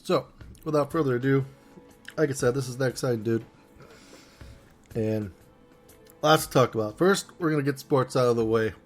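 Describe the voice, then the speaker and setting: A man hosting a casual solo podcast, talking through his food in a playful, rambling way. His voice sits at an ordinary middle pitch, with a little music playing softly behind him. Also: moderate pace, long pauses. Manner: playful, chatty, talking while eating. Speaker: podcast host.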